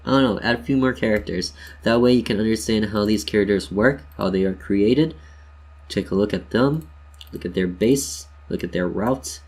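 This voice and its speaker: A man with a fairly low, darkish voice narrates a casual instructional screen-share. He keeps things playful, joking with "you guys" and guiding them through each step as if in conversation.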